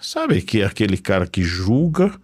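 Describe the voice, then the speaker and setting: A man giving an emotional faith testimony in a studio, earnest, swinging between loud bursts and hushed low tones. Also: sing-song, normal speed, breathy edge, no room sound.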